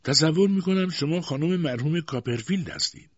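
Guy doing a cold bossy old aunt, high and sharp, mocking, husky tone, flat dry lo-fi sound. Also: dry recording, heavily acted. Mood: cold, stern. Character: stern, harsh older spinster aunt, woman. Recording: dull lo-fi dry recording.

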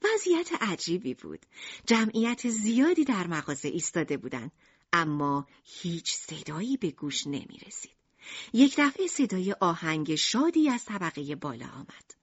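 A woman narrating an audiobook in an expressive storytelling manner. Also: on the low side, breathy edge, dry recording, lo-fi sound.

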